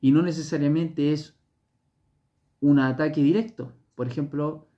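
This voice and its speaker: A man with a Chilean Spanish accent preaching a sermon in a church, speaking in a measured way with repeated words and hesitant fillers. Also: fairly high pitch, fairly even intonation, warm tone, lo-fi sound.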